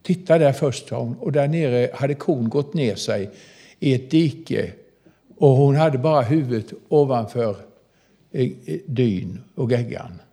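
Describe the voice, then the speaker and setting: Older man, prison minister, storytelling sermon, folksy, animated, middle-pitched voice. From southern Småland, Sweden. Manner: folksy, animated, addresses listeners directly.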